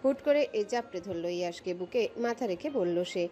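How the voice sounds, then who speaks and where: A woman narrating a romantic audio story in a steady, expressive storytelling voice. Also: medium pitch, normal speed.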